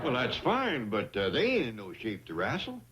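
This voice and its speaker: Courteous country hillbilly dad, southern drawl, lively pitch, loud audience noise. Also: male voice, normal speed, crowd noise. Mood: calm, reluctant. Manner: folksy, drawling, polite. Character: easygoing, courteous hillbilly patriarch. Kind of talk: 1960s TV sitcom acting. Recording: muffled noisy TV soundtrack with audience.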